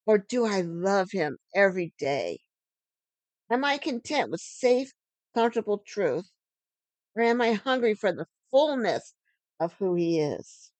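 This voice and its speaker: Woman bible teacher, earnest and emphatic, slows down on key words, dry close sound. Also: medium pitch, big pitch swings, darkish tone, dry recording. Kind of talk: teaching sermon.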